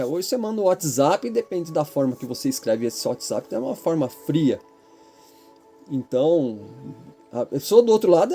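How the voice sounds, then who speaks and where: Mellow-voiced Brazilian man musing aloud. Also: medium pitch. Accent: Brazilian Portuguese. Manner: rambling, keeps adding the tag "né?" and filler "é". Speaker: channel host. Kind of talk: reflective casual monologue.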